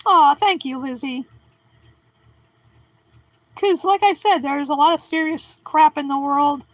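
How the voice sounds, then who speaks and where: A middle-aged woman with a high voice chats on her livestream, replying to viewers and tossing out silly puns and jokes at her own expense. The sound is dry and close, with no room echo. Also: a little slow. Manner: goofy, joking, punning, self-deprecating. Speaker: livestream host reading chat. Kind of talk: casual livestream chat.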